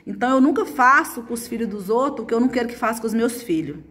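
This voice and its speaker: A woman's voice: on the high side, expressive, fast talker, fairly bright tone. Coaxing Brazilian woman teacher. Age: adult, mother. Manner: chatty, coaxing, often adds "gente". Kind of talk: remote lesson for schoolchildren.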